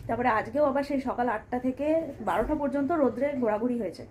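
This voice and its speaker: A woman in her thirties, hoarse from a cold, chatting casually to viewers as a family vlogger at home. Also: fairly high pitch, rapid-fire, a little mellow, a little hiss or hum. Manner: chatty, talks to viewers as friends. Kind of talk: casual chat to camera.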